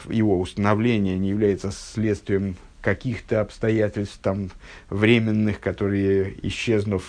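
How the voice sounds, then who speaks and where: A man giving a religious text-study lecture, speaking in a measured, halting way with fillers and self-corrections, reading out quotations and translating them. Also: fairly low pitch, darkish tone. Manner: reads and translates Hebrew quotations. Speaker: religious teacher.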